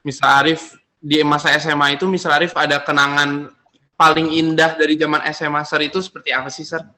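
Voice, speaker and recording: A teenage boy hosting a school podcast in casual chat, relaxed and a little hesitant with fillers. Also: fairly high pitch, a little fast. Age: teens. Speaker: student podcast host.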